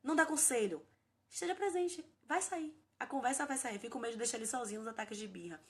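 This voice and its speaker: A woman's voice: fairly high pitch, quick pace. A woman in her thirties from Brazil, a parenting educator chatting casually on a phone live stream and answering viewers by name. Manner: warm, earnest, addresses viewers by name and as "gente".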